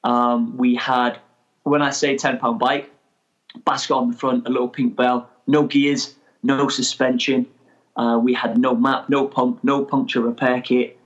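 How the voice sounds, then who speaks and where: Energetic Welsh man in his twenties. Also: medium pitch, a little slow, muffled recording. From North Wales. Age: 20s. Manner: energetic, chatty, laughs easily. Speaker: guest, explorer. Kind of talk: casual interview chat.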